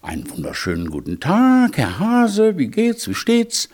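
A man's voice: high-pitched, wildly swooping pitch, unhurried, darkish tone, pitched above the performer's own voice, full character voice. A man voicing a polite, cunning male hedgehog in a storybook tale, cheerful and scheming. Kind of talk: storybook character voice.

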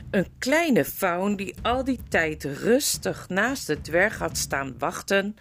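A woman narrating a children's storybook aloud with expressive, measured delivery. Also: lowish voice, a little hiss or hum.

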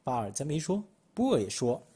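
A man from Malaysia reading a picture book aloud for children, expressive and clear in his storytelling. His voice is middle in pitch with a husky texture. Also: quick pace.

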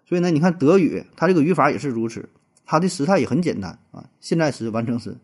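A man's voice: on the high side, expressive, quick pace, slightly rough. A man giving a chatty, folksy explanation, tacking little particles onto his phrases. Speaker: presenter explaining languages. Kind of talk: casual explanatory monologue.

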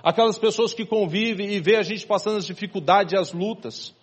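A man's voice: sits high, fairly quick, breathy edge. A man preaching a sermon as pastor, talking to the congregation in a conversational way and calling them brother. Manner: conversational preaching, calls listeners "irmão".

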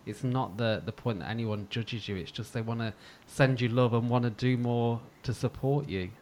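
A man interviewing, speaking in a gentle, reassuring way. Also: mid-range voice, steady tone, moderate pace, a little hiss or hum. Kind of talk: supportive conversation.

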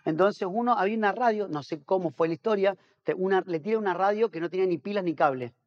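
A man's voice: sits high, muffled recording. A man, a pastor and missionary, telling stories as a guest in a casual interview, restarting and repeating words as he goes. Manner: rapid, animated storytelling with many restarts and repeated words.

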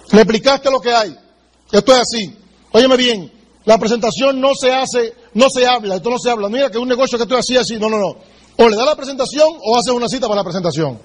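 High-pitched guy rattling off a sales pep talk fast, blunt, keeps saying listen to me. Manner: direct and emphatic, addresses the listener, acts out sales dialogues. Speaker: business seminar speaker. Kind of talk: motivational sales training talk.

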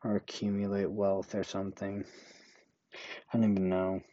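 A young man hosting a solo podcast, thinking aloud slowly in a monotone way. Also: sits low, dry recording, lo-fi sound. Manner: slow, monotone, musing. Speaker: podcast host.

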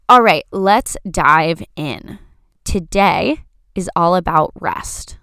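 A woman's voice: low voice, vocal fry, fairly bright tone, clear, resonant tone, dry recording, studio quality. A woman hosting a solo podcast, talking casually and chattily with frequent "like" fillers. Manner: chatty, fills talk with "like". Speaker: podcast host.

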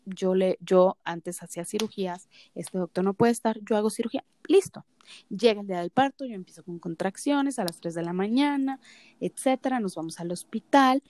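In a warm, mid-range voice, a woman in her thirties co-hosts a podcast, sharing her story in easygoing chat and animatedly voicing the dialogue she quotes. There's no room sound.

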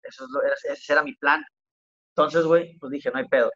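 High-voiced Mexican man, slangy storyteller. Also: fairly even intonation, a little fast, a bit bright. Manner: slangy, rambling, packs "güey" into every sentence. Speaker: podcast guest. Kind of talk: casual storytelling chat. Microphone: remote call audio. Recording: lo-fi remote call.

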